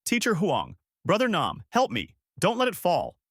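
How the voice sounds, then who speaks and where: A man voicing a determined village schoolteacher woman who shouts and pleads in a story. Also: mid-range voice, wildly swooping pitch, moderate pace, no echo, studio quality. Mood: desperate shouting.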